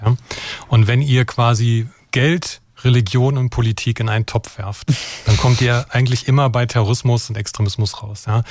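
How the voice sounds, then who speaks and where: A man's voice: mid-range voice, darkish tone, no echo. A middle-aged man from Brandenburg, Germany, an expert guest who explains at length and tags his sentences with "ja". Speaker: expert guest from an extremism center. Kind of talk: conversational interview.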